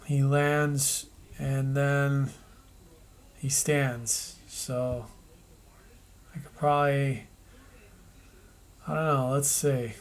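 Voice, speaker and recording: A man narrating an animation tutorial, thinking aloud as he works, with pauses and restarts. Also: mid-range voice, level tone.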